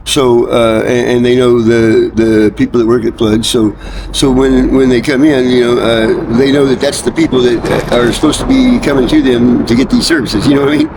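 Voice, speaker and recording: A middle-aged American man with a folksy country drawl, chatting casually in a rambling, halting, profane way. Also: fairly even intonation. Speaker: homeless interviewee. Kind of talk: casual street chat. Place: outdoors near railroad and traffic. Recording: noisy outdoor recording with traffic rumble.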